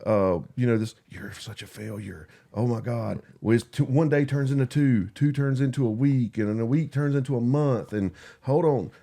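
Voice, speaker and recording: A man with a country drawl talks candidly and casually, halting and repeating himself, putting himself down and swearing easily. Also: medium pitch, mellow. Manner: halting and repetitive, self-deprecating, swears casually. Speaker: podcast guest and YouTube creator.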